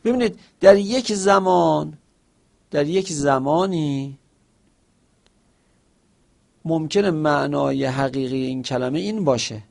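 Gravelly-voiced man teaching a lesson. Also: fairly high pitch, long pauses. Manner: explains with examples and asks himself questions; quotes Arabic phrases within Persian speech. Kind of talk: seminary lesson on Arabic rhetoric.

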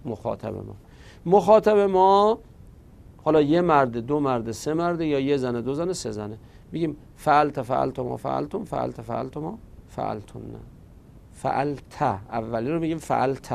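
Gravelly man teaching patiently. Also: mid-range voice, darkish tone. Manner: patient, repetitive drilling of verb forms. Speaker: Arabic grammar teacher. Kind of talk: recorded lesson.

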